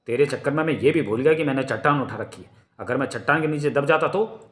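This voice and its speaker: A man doing a gruff wolf-kin brute. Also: medium pitch, fast talker, a bit bright, lightly acted. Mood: scolding. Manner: rough, scolding, threatening. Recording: roomy echo.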